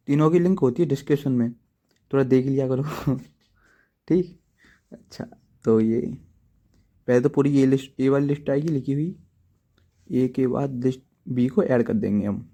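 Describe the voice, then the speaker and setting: A man's voice: medium pitch, normal speed, pauses often, warm tone. A man teaching programming in a casual, chatty way, often checking in with his viewers and making self-deprecating asides. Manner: chatty, repeats "ठीक है दोस्तों" often. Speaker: coding teacher. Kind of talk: casual tutorial explanation. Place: at home writing in a notebook.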